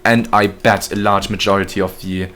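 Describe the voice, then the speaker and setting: Low-voiced man streaming a game. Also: level tone, normal speed, a bit bright, slight background noise. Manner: joking, chatty, reads chat aloud. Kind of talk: live gameplay commentary.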